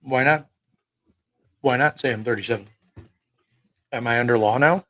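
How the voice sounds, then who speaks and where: An online preacher in his thirties argues with chat on a livestream, answering in a combative, profane way and firing off rhetorical questions. His medium-pitched voice is a bit bright and moves at a normal pace.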